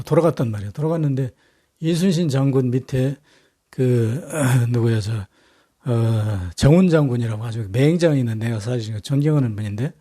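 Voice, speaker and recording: Male storyteller, casual and rambling, blunt coarse wording, warm tone. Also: mid-range voice, no room sound, clean studio sound. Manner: rambling, many fillers and restarts, coarse slang. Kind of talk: casual history storytelling talk.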